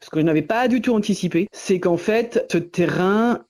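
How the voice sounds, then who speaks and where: On a phone call for a radio show, a middle-aged Normandy farmer who founded a forest garden recounts her farming life. Her mellow voice sits at medium pitch and moves at normal speed, while her phrasing stays hesitant and thoughtful as she hunts for words.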